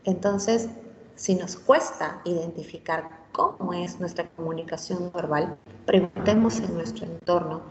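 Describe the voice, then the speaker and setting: Una mujer instructora en una sala con eco. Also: female voice, on the low side, a little slow, a crowd in the background. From Peru. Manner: explanatory, asks the audience for agreement with rhetorical tags. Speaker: career workshop instructor. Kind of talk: online lecture to students. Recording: roomy, dull, faint room noise.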